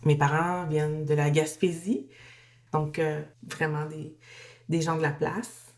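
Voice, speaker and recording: A woman's voice: low voice, fairly even intonation, a little slow. A woman, speaking earnestly and searching for words in a documentary interview. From Matane, Quebec.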